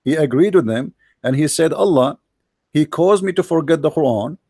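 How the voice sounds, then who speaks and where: A debate host with an Arabic accent argues forcefully in a religious debate, quoting sources and pressing his opponent hard. His voice is a little high and expressive, at a moderate pace. The studio-quality recording has no echo.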